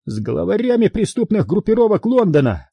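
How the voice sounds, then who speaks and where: A man's voice: fairly high pitch, sing-song, normal speed, gravelly, dark tone, husky, no echo, clean studio sound, voice pushed up, heavily acted. A man voicing a ruthless middle-aged London gang boss who snarls his threats. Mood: snarling, threatening. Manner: snarling, menacing.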